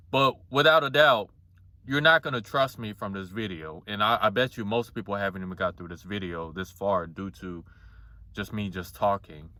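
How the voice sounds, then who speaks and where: A man in his twenties with a somewhat monotone voice, talking casually and bluntly to the camera in a rambling, confessional way with some swearing. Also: lowish voice, no echo. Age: 20s. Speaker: vlogger.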